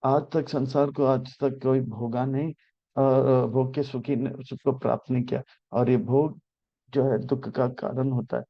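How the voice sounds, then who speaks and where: A man giving a devotional discourse on scripture and telling stories, pausing often with filler sounds and restarts. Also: medium pitch, fairly even intonation, gravelly, muffled recording. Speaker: spiritual teacher explaining scripture.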